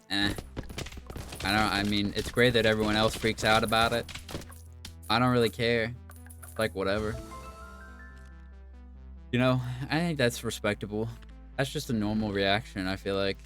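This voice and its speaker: A man giving casual gameplay commentary, rambling and musing aloud in an offhand way. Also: on the low side. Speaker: gaming video creator.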